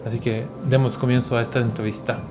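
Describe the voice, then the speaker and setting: A woman voicing a deep-voiced male sidekick co-host who chimes in with short agreeing interjections. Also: little pitch movement, fast, heavy background noise. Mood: playful.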